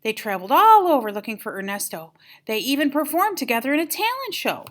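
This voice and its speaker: A woman's voice: high-pitched, fast talker. An older woman with a grandmotherly voice reads a children's story aloud, expressively and with dramatic emphasis. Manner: animated, dramatic emphasis on exclamations and key moments.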